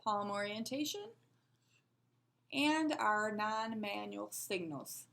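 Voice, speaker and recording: A woman's voice: medium pitch, slow pace, creaky, a bit bright. A woman teaching a sign language lesson, patiently explaining and asking rhetorical questions as she demonstrates.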